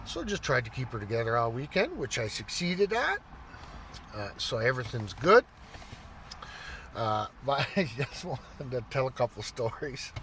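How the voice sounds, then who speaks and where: A man's voice: medium pitch, a bit bright, a little hiss or hum. A middle-aged man telling stories in a casual chat, laughing often and swearing casually. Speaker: vlogger. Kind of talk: casual storytelling.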